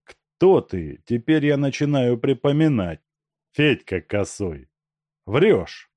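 A man's voice: mid-range voice, big pitch swings, slow, darkish tone, dry recording, pitched above the performer's own voice. A man reading an audiobook, voicing a cornered male murderer who is suspicious and uneasy.

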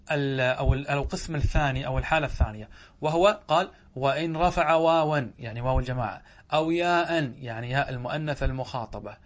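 A man teaching an Arabic grammar lesson. He asks his students questions, answers them himself, and slows down when quoting the text. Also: on the high side.

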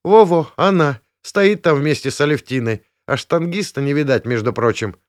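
Man voicing a loud teasing young woman, nosy and brash, raised pitch, audiobook character. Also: animated, normal speed, no echo, clean studio sound, natural voice.

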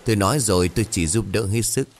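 A man's voice: lowish voice, quick pace, slight background noise, close to an everyday voice. A man doing a stern village shaman. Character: stern middle-aged village shaman, firm and grave.

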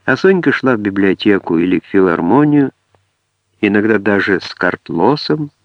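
Low-voiced man narrating an audiobook. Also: animated, no echo. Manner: measured storytelling. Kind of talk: scripted narration. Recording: dry, dull lo-fi audiobook.

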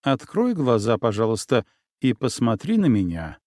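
A man voicing a sharp, suspicious young woman necromancer in an audiobook, with an insistent, prickly way of talking. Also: medium pitch, huge pitch swings, moderate pace, no room sound, clean studio sound. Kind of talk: audiobook character voice.

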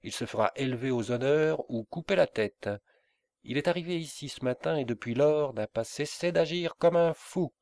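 A man's voice: fairly high pitch, moderate pace, a little mellow, no echo, voice pushed up, natural voice. A man voicing a gossiping horse dealer who mocks a mollah as a madman. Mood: mocking. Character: gossiping male horse dealer at a caravan market.

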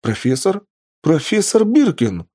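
A man's voice: lowish voice, animated, slow pace, mellow, slightly rough, no echo, studio quality, full character voice. A man doing a breathless, eager young lab assistant. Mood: excited.

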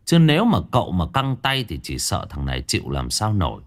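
A man narrating a story in a dramatic, expressive way. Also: sits low, brisk.

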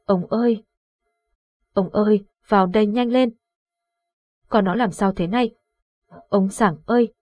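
Terrified sobbing mother, begging, horror audiobook, woman narrator, husky. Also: mid-range voice, unhurried, pauses often, a little mellow. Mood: screaming. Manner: frantic, tearful.

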